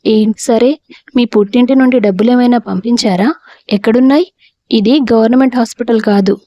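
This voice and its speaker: A woman's voice: a little high, normal speed, warm tone, dry recording, lo-fi sound, lightly acted. A woman voicing a bitter, resentful young husband who snaps scornfully. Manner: scornful, snapping.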